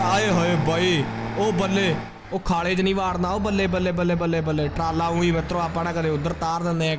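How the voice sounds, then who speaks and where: Loud engine noise from a game runs behind a young man with a high-pitched voice and a Punjabi accent. He commentates casually on his gameplay in chatty, exclamatory banter, firing off repeated short phrases. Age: young adult. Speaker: gaming video host. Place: indoor room, gaming setup with webcam. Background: loud vehicle game audio.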